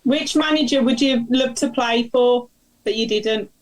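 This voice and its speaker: A woman with a Birmingham accent casually asking quick-fire questions on a chat show. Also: fairly high pitch, poor audio. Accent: Birmingham (Brummie).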